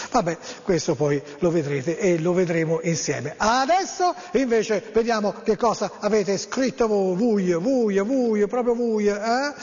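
Man, TV host, high voice, teasing, drawn-out fillers, long echo. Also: darkish tone, lo-fi sound. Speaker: TV host reading viewer text messages. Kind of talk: jokey live TV call-in chat.

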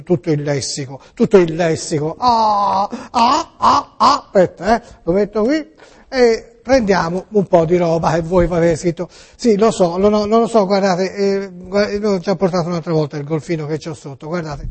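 A man's voice: high-pitched, normal speed, in a large hall. A middle-aged male radio and TV host in a casual, joking monologue, teasing and playful, full of small fillers and restarts.

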